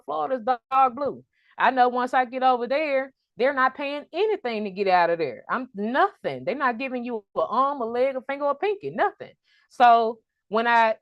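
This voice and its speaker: Energetic woman teaching trucking. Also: medium pitch, dry recording. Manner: energetic, preacher-like call and response. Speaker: trucking business presenter. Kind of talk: online workshop presentation.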